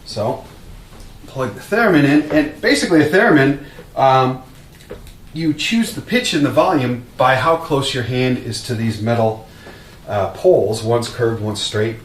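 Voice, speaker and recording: A man casually demonstrating a vocal effects pedal, explaining in a relaxed way with fillers and restarts. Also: mid-range voice, measured pace. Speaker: product demonstrator. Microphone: open vocal mic at a distance. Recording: roomy, distant mic, faint hum.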